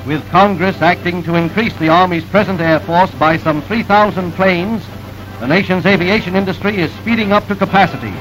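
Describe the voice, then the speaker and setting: A man narrating an old newsreel in a brisk, emphatic announcer delivery. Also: high-pitched, music in the background, rough recording.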